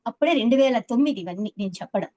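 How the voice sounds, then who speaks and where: A woman's voice: a little high, lively intonation, rapid-fire, a little mellow, low-quality recording. Woman in her seventies, earnest, storytelling, personal testimony. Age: 70s. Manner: earnest storytelling, quoting others with feeling. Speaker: meditation teacher.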